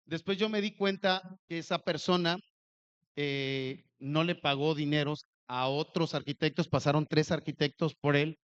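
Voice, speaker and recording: High-voiced man preaching a lively sermon. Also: moderate pace, clear, resonant tone, highs cut off. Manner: animated storytelling, acts out quoted dialogue. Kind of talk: sermon with personal story.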